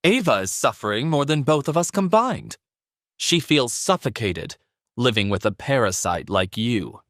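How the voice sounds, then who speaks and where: A man voicing a cold, shrill, sarcastic wealthy mother-in-law in an audio drama. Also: sing-song, normal speed, a bit bright, no echo, clean studio sound. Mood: cold sneering. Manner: sarcastic, sneering.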